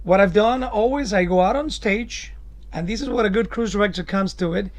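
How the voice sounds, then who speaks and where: A man answering interview questions as a cruise director, explaining things emphatically in deliberate phrases. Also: high-pitched.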